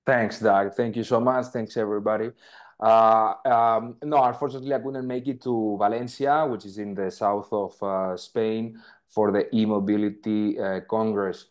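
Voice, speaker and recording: A man's voice: on the low side, steady tone, normal speed. A man speaking English, introducing his consulting work on a video call and hesitating often with "uh". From Greece. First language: Greek. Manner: hesitant, many "uh" fillers. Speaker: trade consultant. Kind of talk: online meeting introduction.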